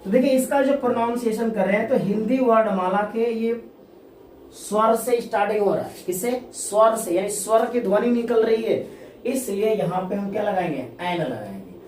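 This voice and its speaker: A woman teacher giving a classroom-style grammar lesson, asking questions and answering them herself, repeating key terms and reading example sentences slowly. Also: mid-range voice, expressive, darkish tone. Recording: echoey room, distant mic, faint noise.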